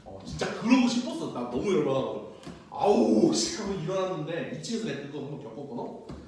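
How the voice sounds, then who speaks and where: A young man teaching physics in a loud, joking, slangy way, his high voice swinging up and down as he tells stories. He sounds a fair way from the mic. The classroom rings with heavy echo. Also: very animated, fast, a little hiss or hum. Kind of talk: lecture. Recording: very echoey room, mic far off.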